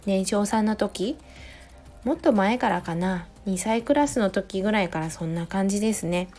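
Woman, thirties, mother, gentle chatty solo talk, close mic, faint background music. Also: mid-range voice, expressive, moderate pace. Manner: gentle, chatty, many soft "ne" tags. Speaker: podcast host, mother of a preschooler. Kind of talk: casual solo audio diary.

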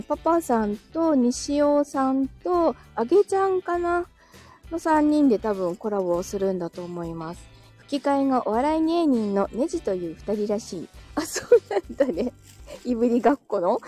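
A woman's voice: on the high side, warm tone. A woman hosting a casual live stream from home, chatting with listeners, reading their comments aloud and laughing often between phrases. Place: indoors at home.

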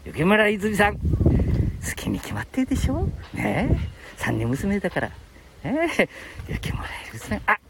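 A man's voice: high-pitched, huge pitch swings, a little slow, noisy background. A man in his late seventies from Aichi, chatting and reminiscing with chuckles on a live stream in Aichi dialect. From Aichi, Japan. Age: 70s. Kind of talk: casual live-stream chat.

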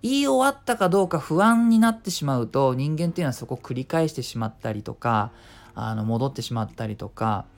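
Speaking at a medium pitch with lively intonation and a slightly quick pace, a middle-aged podcast host runs his own casual talk show. He chats freely, explains his own thinking, shares tips on speaking, and slips in little imitated sounds.

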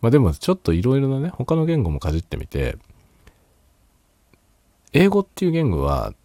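A man's voice: mid-range voice, wildly swooping pitch, moderate pace, mellow, dry recording. A man hosting a casual solo talk show, rambling and laughing a lot while tipsy. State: drunk. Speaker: podcast host.

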